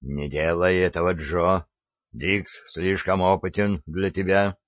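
A man voicing an excitable, nervous young gang member who whines and frets. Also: low-pitched, slow pace, no room sound, lo-fi sound. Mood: agitated. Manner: jittery, whining.

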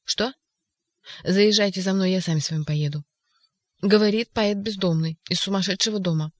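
A reader voicing an agitated young male poet in an audiobook, shouting insistent outbursts. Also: medium pitch, steady tone, moderate pace, no room sound, studio quality, natural voice. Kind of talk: audiobook character voice.

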